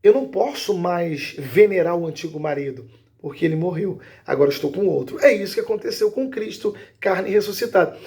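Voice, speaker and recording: A man's voice: sits high, expressive, fairly quick, a little mellow. A man, a pastor, giving an emphatic Bible teaching and checking in with his listeners as he goes.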